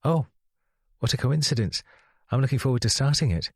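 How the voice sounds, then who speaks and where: A man's voice: mid-range voice, animated, fairly quick, slightly rough, dry recording, clean studio sound, voice pushed up. A man voicing a friendly, eager young woman from Yorkshire with a breezy, lightly raised voice.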